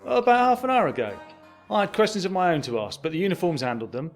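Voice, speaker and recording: A man's voice: high-pitched, very animated, quick pace, faint music behind. A man playing a brusque, officious Victorian police sergeant with a London accent in an audio drama. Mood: officious, evasive.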